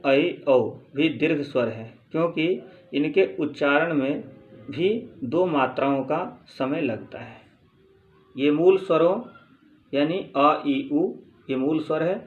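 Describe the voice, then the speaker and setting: A man teaching grammar, reading from a textbook and explaining slowly, repeating points and answering his own questions. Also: fairly high pitch. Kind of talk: spoken lesson reading from a textbook.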